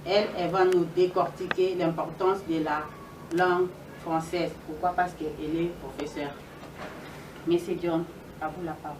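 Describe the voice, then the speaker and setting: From some distance in a reverberant, noisy room, a woman addresses an event as moderator. Her voice is on the low side. She is emphatic and repeats phrases to stress them. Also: level tone, normal speed. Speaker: event moderator introducing speakers. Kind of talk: public address.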